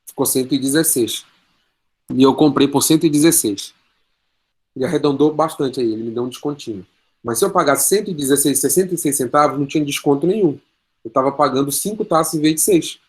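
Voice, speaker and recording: Brazilian teacher storytelling in an online class. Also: male voice, fairly high pitch. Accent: Brazilian Portuguese. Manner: storytelling with quoted dialogue, explains with calculator.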